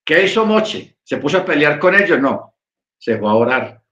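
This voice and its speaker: A man preaching a sermon, emphatic, addressing his listeners as brothers and dropping low and slow to stress a point. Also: sing-song, pushed and bright, echoey room, highs cut off.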